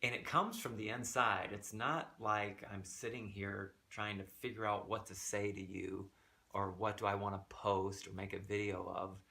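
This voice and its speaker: A man with a bright, forward voice speaks softly and earnestly in a reflective personal vlog. He takes his time and sounds sincere as he shares a story. He is recording in a small, quiet room he set aside for reflection. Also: fairly low pitch, fairly even intonation, gravelly. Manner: soft, unhurried, earnest. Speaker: vlogger.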